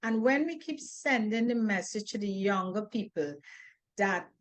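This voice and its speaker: A woman's voice: mid-range voice, animated, unhurried. A middle-aged woman co-hosting a talk show, speaking earnestly, repeating words and acting out quoted worries. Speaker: co-host. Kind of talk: casual talk-show chat.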